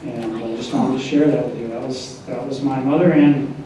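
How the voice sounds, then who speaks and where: An older man giving a memorial tribute to his mother, speaking haltingly with pauses and fillers. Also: medium pitch, fairly even intonation, dark tone, slight background noise. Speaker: son giving a eulogy. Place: large echoing hall. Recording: echoey lo-fi hall recording from far off.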